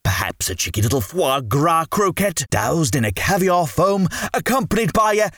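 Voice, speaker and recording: A man delivers a mock-posh comic voice-over. His pitch swoops wildly, and his slightly husky voice sits dry and close to the mic. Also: big pitch swings, moderate pace, fairly bright tone, dry recording, recorded from a distance. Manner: theatrical, mock-refined, swooping up in surprise. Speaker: comic narrator.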